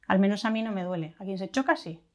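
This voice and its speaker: A woman's voice: mid-range voice, animated, quick pace, darkish tone. A woman reading a first-person story in a wry, conversational narration, now and then acting out angry outbursts.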